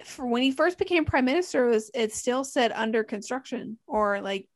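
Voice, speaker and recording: A woman's voice: on the high side, moderate pace. A young woman from Canada co-hosting a podcast, talking in a heated, blunt way and swearing a lot. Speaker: podcast co-host. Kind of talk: casual chat.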